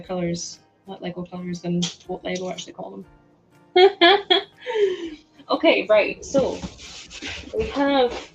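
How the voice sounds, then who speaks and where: In a roughly recorded live stream, a medium-pitched Scottish woman giggles a lot while answering her chat and sorting building parts, keeping the talk casual.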